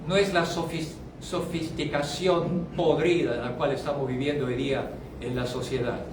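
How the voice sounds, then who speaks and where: High-voiced man preaching in an echoey hall. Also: level tone, normal speed, noisy background. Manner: emphatic preaching with sharp swings from loud to low. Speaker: pastor. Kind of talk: sermon. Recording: echoey hall, mic at a distance.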